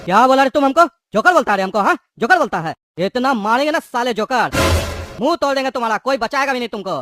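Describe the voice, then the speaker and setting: A voice actor doing Psycho Genda, a jail thug. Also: male voice, very high-pitched, lively intonation, fast, faint music behind. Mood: threatening. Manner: threatening, taunting, shouts. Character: menacing male jailhouse gangster, hot-tempered bully. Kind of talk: cartoon voice acting.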